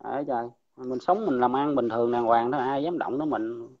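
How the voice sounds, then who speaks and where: Man, Southern Vietnamese Mekong Delta accent, mid pitch, blunt rambling storyteller, dull lo-fi recording. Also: quick pace. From An Giang, southern Vietnam. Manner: rambling, blunt, chuckles while telling gossip. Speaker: local storyteller. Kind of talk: casual chat.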